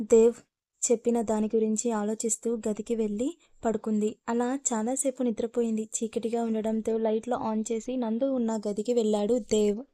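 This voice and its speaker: A woman storyteller reading a romance story aloud in a steady, even way. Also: fairly high pitch, no room sound. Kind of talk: story narration.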